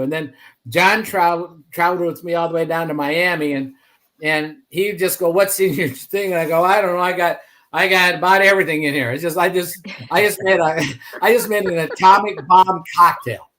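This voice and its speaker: A man's voice: a little high, steady tone, normal speed, sharp tone. A man hosting a casual livestream chat, telling stories in a rambling way with many restarts. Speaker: host.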